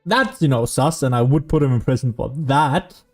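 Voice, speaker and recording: A young man streams a game with casual commentary, thinking and arguing out loud and swearing offhandedly. His mid-range voice moves at a normal speed and has a slightly mellow quality. Game music plays underneath.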